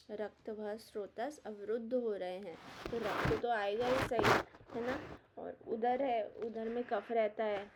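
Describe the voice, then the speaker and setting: A woman's voice: a little high, darkish tone. Woman teaching Ayurveda, lo-fi audio. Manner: explains terms with memory tricks; mixes Sanskrit verses with Hindi and English terms. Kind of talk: exam-prep lecture. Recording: dull lo-fi lecture recording.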